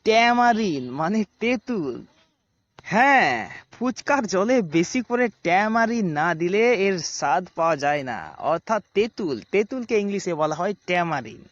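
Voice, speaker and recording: Man, casual vocabulary lesson, high voice, slightly dull lo-fi recording, repeats words clearly. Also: animated, dry recording. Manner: chatty, repeats each word twice, slow and clear. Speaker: channel host teaching English words.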